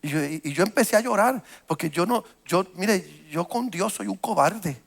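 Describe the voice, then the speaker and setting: A man preaching from the pulpit, his voice high and gravelly as he tells a long personal story. He stumbles over repeated words and restarts, and he grows more animated as the story builds. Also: normal speed. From United States. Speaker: pastor. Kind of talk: sermon.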